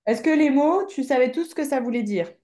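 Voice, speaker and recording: A woman tutoring French one-to-one, going through a dictation word by word and patiently repeating words slowly. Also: high-pitched, expressive, warm tone. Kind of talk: online one-to-one dictation lesson.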